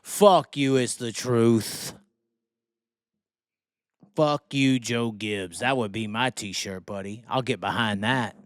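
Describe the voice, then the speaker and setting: A man delivers an opinionated solo rant about racing, brash, emphatic and full of profanity, repeating phrases to drive them home. His medium-pitched voice moves slowly with frequent pauses. The recording is dry and studio quality.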